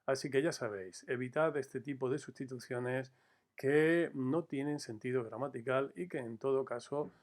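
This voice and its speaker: Male teacher, mid-pitched, measured and explanatory, recorded lesson. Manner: measured, explanatory, stresses key words slowly; addresses students directly with frequent "eh" fillers.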